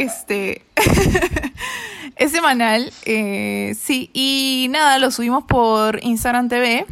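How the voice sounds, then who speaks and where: A woman co-hosting a casual podcast, relaxed and quick to laugh. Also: fairly high pitch. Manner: relaxed, laughs easily, lots of fillers. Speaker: podcast co-host.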